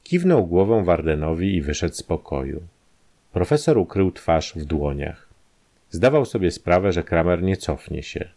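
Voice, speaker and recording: A man narrating a scripted crime story for a podcast, measured storytelling with expressive rises. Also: low voice.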